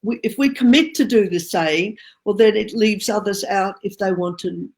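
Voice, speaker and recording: A woman co-hosts a relaxed group call in a mid-range voice. She pauses to hunt for words and agrees easily with the others. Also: mid-range voice, poor audio. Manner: hesitant, searching for words, agreeable. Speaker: co-host. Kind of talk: casual group discussion.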